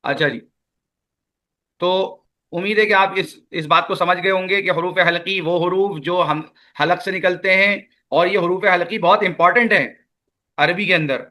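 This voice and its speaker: A man with a Pakistani Urdu accent leads an online recitation class. He drags out each sound patiently so his students can copy it. His voice sits high and sounds bright. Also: fairly even intonation. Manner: patient, repeats sounds slowly for students to echo. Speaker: Quran recitation teacher.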